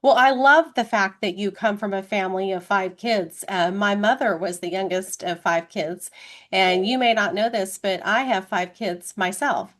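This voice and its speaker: A woman's voice: mid-range voice, moderate pace, a bit bright. A woman hosting an interview podcast in an upbeat, enthusiastic way. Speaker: podcast host.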